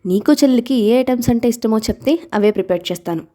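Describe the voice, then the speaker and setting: A woman voicing a gentle, teasing young father. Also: fairly high pitch, fast, close to an everyday voice.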